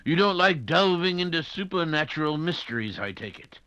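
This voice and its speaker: A man playing a genial older gentleman doctor in 1940s radio style, with hesitant, old-fashioned phrasing. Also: a little high, very animated, moderate pace, clear, resonant tone, no room sound, dull audio. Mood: genial, amused.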